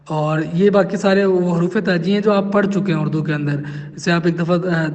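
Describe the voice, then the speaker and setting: A man teaching a language lesson from a textbook, explaining patiently and repeating example phrases slowly. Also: sits high, steady tone, a little mellow, big-room sound.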